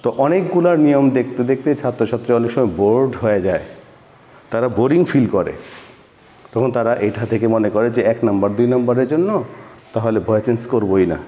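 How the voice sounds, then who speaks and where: A man's voice: medium pitch, brisk, mellow. A male English teacher from Bangladesh giving an online class lecture, patiently explaining and often repeating words as he goes. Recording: echoey room with long reverb.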